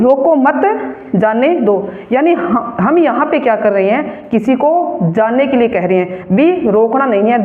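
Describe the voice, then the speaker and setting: A woman teacher leads a grammar lesson, dictating slowly and repeating each phrase for her students to copy. Her voice rings around an echoey classroom and comes through a narrow, tinny, phone-like recording. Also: high-pitched. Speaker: school teacher.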